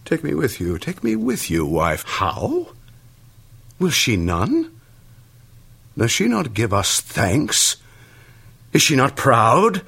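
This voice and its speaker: A man's voice: mid-range voice, huge pitch swings, slow pace, vocal fry, long pauses, breathy edge, exaggerated voice. An actor playing a furious, domineering older nobleman who blusters and threatens his daughter in classical verse. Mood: enraged. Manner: blustering, shouting threats, then cold and menacing. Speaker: actor in a stage play.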